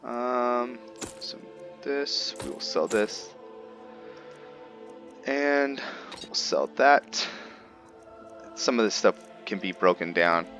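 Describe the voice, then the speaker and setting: Here a gamer talks through his roleplay playthrough very slowly, pausing often as he thinks aloud in casual commentary. His medium-pitched voice is fairly bright, with lively intonation. Game music plays in the background of a slightly muffled recording.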